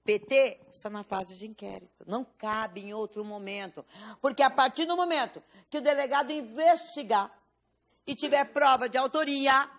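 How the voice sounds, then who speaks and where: A woman's voice: sits high, moderate pace. A Brazilian Portuguese woman teaching a law class, quizzing students with rhetorical questions and stressing key words. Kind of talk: classroom lecture.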